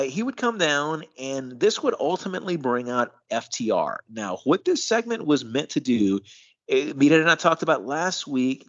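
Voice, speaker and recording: A man co-hosts a casual recap show at an ordinary middle pitch. He talks in a measured, analytical way, with plenty of "you know" and "uh". The audio is a little dull and lo-fi. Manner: measured, analytical, with frequent fillers. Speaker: co-host of a wrestling news show.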